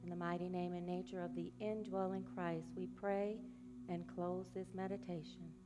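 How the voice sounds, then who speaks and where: A woman minister leading a congregation in prayer and guided meditation, speaking slowly and soothingly. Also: on the low side, level tone. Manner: slow, soothing, gentle. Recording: music playing behind the voice.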